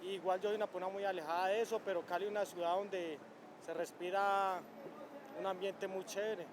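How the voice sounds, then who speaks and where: A man's voice: sits high, flat delivery, brisk, noisy background. A man with a Colombian accent, a merchant, chatting casually about city life in a street interview.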